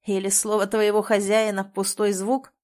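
A hoarse, battered young fighter, read by a woman. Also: mid-range voice, level tone, normal speed, a little mellow, natural voice. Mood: defiant.

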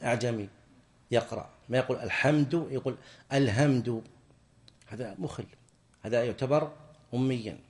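A man teaches a classroom lesson at an even, middle pitch. He explains each point deliberately and breaks off to toss short questions to his students. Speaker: sheikh teaching jurisprudence. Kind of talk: classroom lesson on Islamic law.

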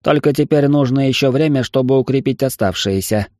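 A man's voice: mid-range voice, brisk, a little mellow, dry recording, studio quality, pitched above the performer's own voice, close to an everyday voice. A man voicing a grumpy, irritable male mechanic robot in an audiobook. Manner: griping, irritable.

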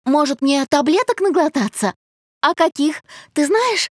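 A woman reading a fragile, pleading young wife in an audiobook, her voice breathy. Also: high-pitched, expressive, a little slow, no echo, studio quality, pitched above the performer's own voice. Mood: manic. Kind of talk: audiobook character voice.

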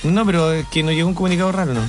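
A man's voice: fairly high pitch, steady tone, very fast, faint music behind. A man with a Chilean accent co-hosting a radio show in casual chat, joking and rambling and laughing at himself. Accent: Chilean Spanish. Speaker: radio co-host. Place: radio studio.

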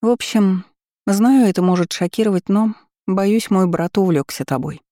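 A woman voicing an excitable, dramatic young princess who exclaims and squeals. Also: medium pitch, no echo, clean studio sound, voice pushed up, natural voice. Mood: excited. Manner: exclaiming, squealing, talking fast.

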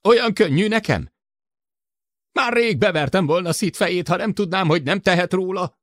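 A man voicing a tall, brooding hunter who shouts a furious lecture about duty in a spoken audiobook. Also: high voice, no echo, studio quality, voice pushed up. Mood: furious lecturing. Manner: drawling, then bursting into shouts. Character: tall stern hunter, brooding and hot-tempered.

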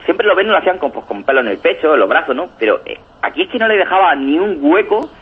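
A man's voice: a little high, expressive, quick pace, husky. A man rambling enthusiastically about comics on a radio show, often asking "¿no?". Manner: enthusiastic, rambling, keeps tagging "¿no?". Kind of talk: casual radio chat. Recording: tinny phone-like radio audio.

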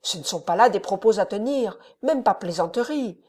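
A woman's voice: medium pitch, expressive, moderate pace, close to an everyday voice. A woman reading an anxious, cautious older mother. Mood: worried. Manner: hushed, worried warnings.

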